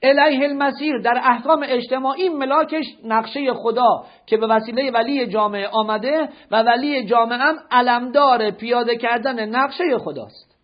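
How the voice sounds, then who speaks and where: A man giving a religious lecture, firing rhetorical questions at his listeners and correcting their notes. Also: extremely high pitch. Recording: dull lo-fi lecture recording.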